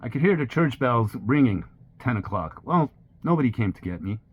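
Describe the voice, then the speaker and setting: This sailing vlogger, a man in his sixties whose native language is French, speaks at a moderate pace in a medium-pitched voice with a breathy edge. He narrates his own ordeal candidly and plainly, his pacing steady. There's a faint hiss on the slightly dull recording.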